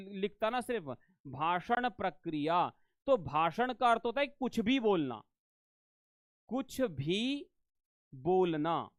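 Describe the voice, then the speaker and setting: A man teaches a live online exam-prep lesson in a high, smooth, resonant voice. He repeats key phrases and keeps quizzing his students, asking whether they understood. The sound is dry and close, with no room echo. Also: fairly bright tone. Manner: addresses students as beta, asks if they understand.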